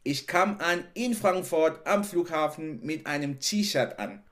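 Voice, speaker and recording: Unhurried and somewhat high-pitched, a Cameroonian man, non-native in German, chats as a podcast guest in a casual interview. He laughs often, stays animated, and leans on "genau" and "ne" repeatedly.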